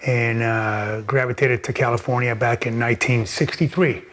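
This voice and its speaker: An older man from Miami, United States, tells his life story as an interview guest in his home library. His medium-pitched voice is steady and fairly bright at a moderate pace, and he speaks casually with many fillers and repeated words.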